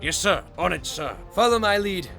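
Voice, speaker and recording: A man voicing young male fighter pilots and their general, shouting radio calls in a fan audio drama. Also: a little high, very animated, fairly quick, vocal fry, faint music behind, heavily acted. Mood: commanding. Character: young male starfighter pilot squad and Jedi general, urgent.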